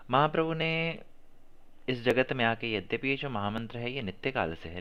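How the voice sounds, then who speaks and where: A man teaching a class on chanting, correcting pronunciation by repeating verses and stressing syllables. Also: on the low side. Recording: muffled lo-fi audio.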